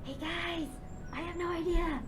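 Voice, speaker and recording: A woman's voice: extremely high pitch, fairly even intonation, unhurried, a crowd in the background. A woman chatting casually as a player in a tabletop game.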